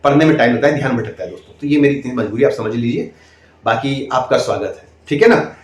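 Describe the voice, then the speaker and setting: A man's voice: mid-range voice, lively intonation, fast. A man coaching interview candidates in speech, emphatic and repetitive, often asking "okay?". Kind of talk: direct-to-camera coaching talk. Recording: echoey room.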